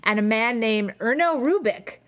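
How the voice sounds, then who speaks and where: A woman's voice: fairly high pitch, expressive, normal speed, a bit bright. Teasing woman co-host. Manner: teasing, laughs often. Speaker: radio show co-host. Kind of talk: casual chat and show-and-tell.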